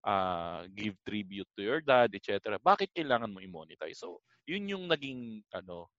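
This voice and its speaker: A man co-hosting a casual chat, animated and joking, swearing casually. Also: fairly low pitch, normal speed, no room sound, muffled recording.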